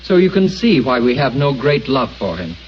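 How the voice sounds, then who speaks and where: An actor playing a worried young gentleman who speaks sincerely and a little hesitantly, on an old radio recording. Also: medium pitch, sing-song, normal speed, lightly acted. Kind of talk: vintage radio acting. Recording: dull old radio recording, faint hiss.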